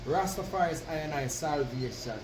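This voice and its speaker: A man using Rasta speech, deliberately proclaiming a devotional address to followers with pauses and emphatic declarations. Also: a little high. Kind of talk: devotional address with reading of own written piece. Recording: roomy, distant mic, constant background noise.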